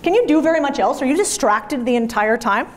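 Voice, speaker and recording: A woman's voice: sits high, lively intonation, fairly quick, slight background noise. A woman in her thirties giving a blunt, emphatic motivational talk to a live audience, swearing freely. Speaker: business speaker. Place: event room with audience.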